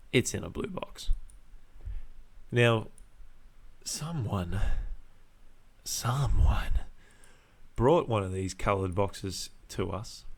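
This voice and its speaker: A young adult man hosting a podcast rants casually in a fairly low voice. He sounds exasperated, uses plenty of laddish slang and swearing, and repeats his points to hammer them home.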